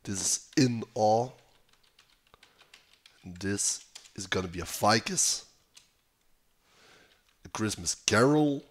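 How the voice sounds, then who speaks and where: A young puzzle video host with a slow, raspy, lowish but expressive voice thinks aloud while casually solving a crossword in a small indoor room. He mutters, hesitates, and trails off as he works through it.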